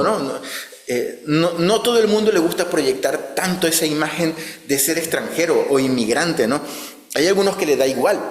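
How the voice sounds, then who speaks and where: A man preaching a conversational sermon, often ending his phrases with a questioning tag. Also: fairly high pitch. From outside Spain. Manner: frequent "¿no?" tag questions, restarts. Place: church hall. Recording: echoey church hall.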